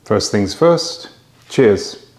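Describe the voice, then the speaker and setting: Hosting a magic auction from his home bar room, a middle-aged man chats to camera via lapel mic in a casual, promotional style. His fairly low, darkish voice has lively intonation and drawn-out words, with reverb and slight background noise, and he keeps restarting and using fillers.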